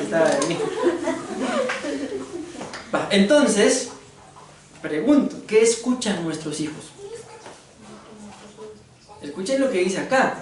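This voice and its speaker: A man with a Costa Rican accent preaching a conversational sermon, joking and asking his congregation rhetorical questions. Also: high-pitched. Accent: Costa Rican Spanish. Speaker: pastor. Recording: very echoey room, voice from far off.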